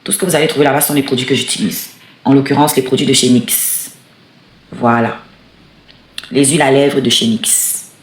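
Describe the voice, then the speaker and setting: A woman's voice: a bass voice, moderate pace, long pauses, echoey room. A woman host, commenting on a replayed live and plugging products, crying out often. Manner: exclamatory, animated, cries out often. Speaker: show host.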